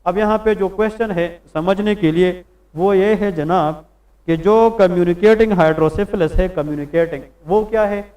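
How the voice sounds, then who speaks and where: High-voiced man lecturing, quizzing his class. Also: darkish tone, poor audio. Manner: quizzes students with questions and answers them himself; slows down to stress English terms. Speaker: medical lecturer. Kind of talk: Hindi-English classroom lecture.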